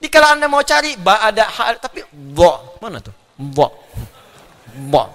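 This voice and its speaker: Male preacher, high bright voice, animated and joking, reverberant hall. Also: a little fast. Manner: animated, jokes and laughs with the audience. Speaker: Islamic preacher. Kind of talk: religious lecture.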